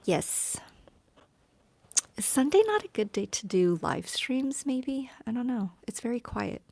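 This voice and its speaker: A woman chatting casually on her live stream, tired and rambling, often dropping to a soft whisper as she talks to viewers. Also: a little high, expressive, normal speed, creaky.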